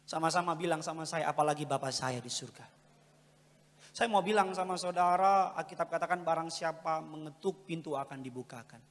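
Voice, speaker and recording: A middle-aged man preaching a lively church sermon, telling stories with loud calls and quiet asides. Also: on the high side. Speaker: pastor. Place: large church hall. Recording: long reverb of a big hall.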